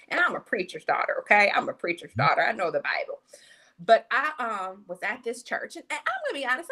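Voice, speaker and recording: A young adult woman, a physician guest on a podcast, telling an animated story and acting out the people she quotes. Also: medium pitch. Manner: acts out quoted people in exaggerated voices. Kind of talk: animated storytelling in casual conversation.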